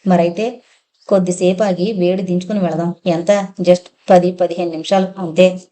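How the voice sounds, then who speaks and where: A woman's voice: on the low side, steady tone, normal speed, dark tone, lightly acted. A woman voicing a talkative, scheming middle-aged male lorry driver in an audio novel, familiar and polite, calling the passenger sir. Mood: chatty.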